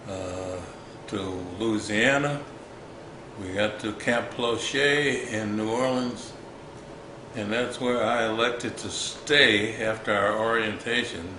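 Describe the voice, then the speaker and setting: Elderly male veteran remembering his service: unhurried, lowish voice, reflective and halting, formal phrasing. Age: 80s or older. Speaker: war veteran interviewee. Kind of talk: old veteran remembering, unscripted interview recollection. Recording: echoey room with background noise.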